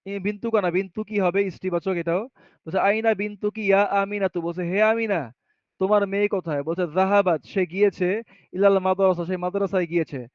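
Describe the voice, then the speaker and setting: A man teaching Arabic grammar step by step. He often asks a question and then answers it himself, and he reads the Arabic sentences slowly. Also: high-pitched, clear, resonant tone, no echo. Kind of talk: classroom grammar lesson. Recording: dull, muffled sound.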